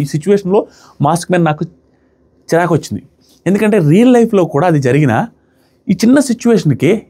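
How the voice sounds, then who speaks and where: Man, sarcastic show review, quick talker, high-pitched. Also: a little mellow. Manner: sarcastic, acts out what people said. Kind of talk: casual commentary review.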